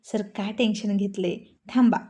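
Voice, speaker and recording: A woman's voice: mid-range voice, fairly even intonation, moderate pace, warm tone, close to an everyday voice. A woman voicing a teasing, cheeky young wife. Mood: playful. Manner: teasing, playful and bossy. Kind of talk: storybook voice acting.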